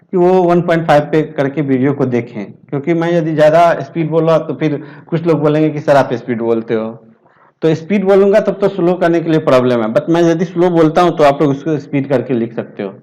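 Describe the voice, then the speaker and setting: A man teaching a math lesson, explaining slowly and deliberately. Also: on the high side, darkish tone, poor audio.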